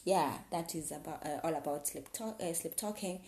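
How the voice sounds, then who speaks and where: A woman's voice: sits low, normal speed, a little mellow. A woman presenting an informal explainer, partly reading and partly musing, often stumbling over and repeating her words. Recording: echoey, roomy sound.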